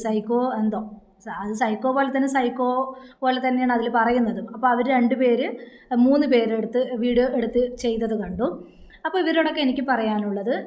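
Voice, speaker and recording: A woman speaks quickly into her phone in a rapid, pressing rush, her voice sitting a little on the high side. She scolds a rival vlogger directly, firing off rhetorical questions. The room around her rings with echo. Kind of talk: confrontational direct-to-camera rebuttal. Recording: echoey room.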